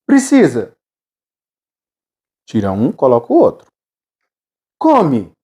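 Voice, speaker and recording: A Brazilian woman teaching English in an online video lesson, drilling phrases with steady repetition and moving between Portuguese and English. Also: very deep voice, slow pace. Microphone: camera with ring light.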